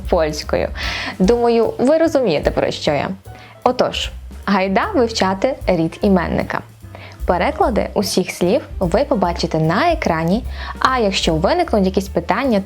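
A woman language teacher runs an online video lesson in a playful, upbeat style, teasing viewers with rhetorical questions. Her voice is mid-range and a little mellow.

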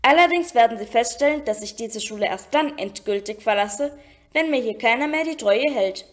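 A woman voicing a polite, firm old headmaster who speaks slowly and distinctly in an audiobook reading. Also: sits high, a little mellow, lightly acted. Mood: firm, calm. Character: calm wise old headmaster.

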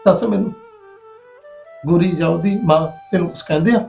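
A worried old village father with a fairly high, gentle voice, pleading and fatherly with a Punjabi accent. His voice sounds roomy in a reverberant space, with soft music underneath, as in a short film drama. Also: moderate pace, gravelly. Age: older. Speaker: father-in-law, father of the bride.

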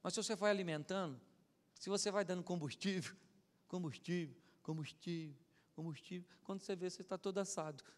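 A man preaching a humorous sermon as pastor, animated, acting out other people and swinging from shouts to mutters. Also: high-pitched, fast talker. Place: large church hall. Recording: church hall with long reverb.

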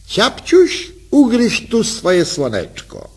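A man voicing a giddy, coquettish middle-aged wife in a squealing falsetto. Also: huge pitch swings, slow pace, husky, full character voice. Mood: cooing. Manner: squealing, cooing, high falsetto.

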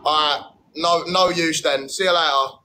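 A young man with a slightly high, bright, forceful voice and fairly even intonation hosts a livestream in an indoor room, phone at arm's length. He's brash, swearing and bantering crudely in fast slang with viewers, with a little hiss or hum in the audio.

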